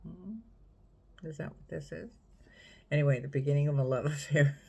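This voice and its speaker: A woman reading tarot cards in a casual, unhurried way, musing aloud and talking straight to the viewer. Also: low voice, creaky, a little mellow, husky. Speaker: tarot reader.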